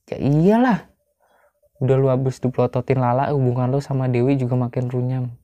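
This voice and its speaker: A man's voice: medium pitch, completely flat delivery, fast, mellow, no echo. A chatty young man, commenting on a story game and talking to his viewers. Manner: chatty, addresses viewers as friends. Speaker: gaming YouTuber.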